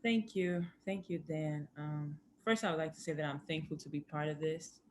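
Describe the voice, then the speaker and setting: A woman's voice: sits low, normal speed, background noise. A young woman from Greece, a former college basketball player, giving earnest personal remarks on a conference panel.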